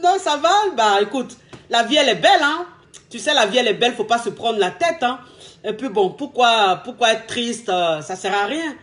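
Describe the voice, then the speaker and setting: A woman's voice: a little high, expressive, normal speed, a bit bright. A woman acting out a carefree woman breezily answering a call from a distant partner. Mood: breezy. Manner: airy, offhand, dismissive.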